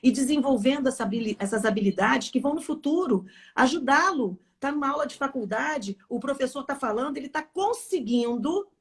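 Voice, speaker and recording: A woman's voice: sits high, lively intonation, fairly quick, few pauses. A woman, a former school teacher talking on a casual live chat, emphatic and full of stories.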